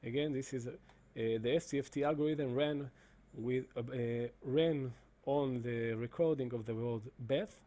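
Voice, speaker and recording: In this screen recording, a presenter walks through software in a mellow, mid-range voice. He speaks haltingly, often using fillers and starting sentences over.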